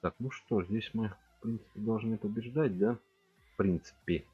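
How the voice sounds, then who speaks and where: A man's voice: fairly low pitch, normal speed, slightly rough, no echo, phone-quality sound, faint music behind. A man in his forties chatting casually with viewers as he plays, thinking aloud and speaking to his chat directly. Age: 40s. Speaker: game streamer. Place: home room at a computer.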